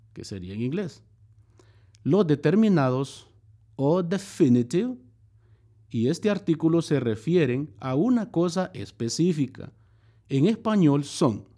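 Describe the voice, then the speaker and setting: Slow, mellow-voiced male language teacher. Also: a little high. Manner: repeats each word twice, then gives its translation. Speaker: English teacher. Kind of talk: slow vocabulary and grammar lesson.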